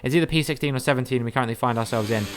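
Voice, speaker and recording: A man commentating live on his own racing game, rattling off positions in quick play-by-play and getting louder at crashes. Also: mid-range voice, a little hiss or hum. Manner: rapid play-by-play, rises sharply in excitement at incidents. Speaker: gaming YouTuber commentating his own race. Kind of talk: live gameplay race commentary.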